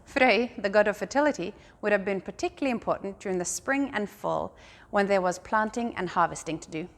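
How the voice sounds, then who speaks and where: A woman giving a scripted guided tour as a museum guide, explaining things in a calm, measured way. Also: mid-range voice.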